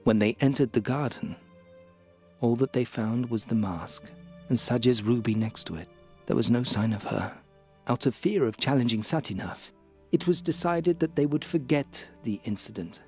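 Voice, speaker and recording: An actor playing a grave, sentimental old male storyteller who tells a tale in a solemn, measured way. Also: mid-range voice, darkish tone, soft background music, lightly acted. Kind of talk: game voice acting.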